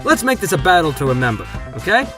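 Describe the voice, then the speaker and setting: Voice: mid-range voice, very animated, fast, natural voice. An actor voicing a theatrical, polite male TV talk show host in a game story, with music behind. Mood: polite, calm. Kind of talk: showy talk show presenting.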